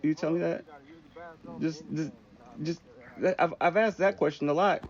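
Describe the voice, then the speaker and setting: A man's voice: on the high side, a little slow. A man heard through a phone speaker during a heated call, insistently repeating his questions about being paid. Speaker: worker asking to be paid. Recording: dull phone-speaker sound.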